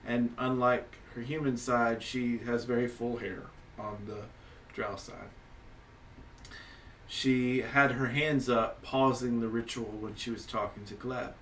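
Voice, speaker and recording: A man narrating a tabletop game as game master, improvising haltingly as he searches for descriptive words. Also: medium pitch, fairly even intonation, a bit bright, recorded from a distance, slight background noise, poor audio.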